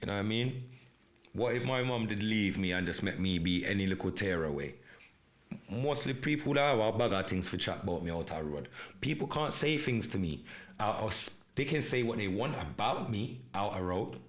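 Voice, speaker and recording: On a live podcast, a host from England talks at normal speed in a lowish voice with lively intonation. His English carries a Jamaican Patois inflection, and his monologue is emphatic, repetitive and peppered with patois slang.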